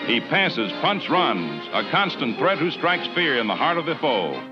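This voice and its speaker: A man's voice: a little high, big pitch swings, moderate pace. A male announcer giving punchy, showy narration in an old newsreel recording. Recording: dull lo-fi archival newsreel sound with music.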